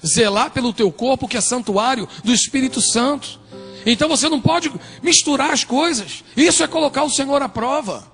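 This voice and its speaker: A man's voice: extremely high pitch, fairly quick, slightly rough. A man with a Brazilian accent preaching a sermon as pastor, telling stories with humor and acting out voices. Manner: animated, humorous storytelling that acts out voices. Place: church sanctuary, indoors. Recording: reverberant church hall, faint music.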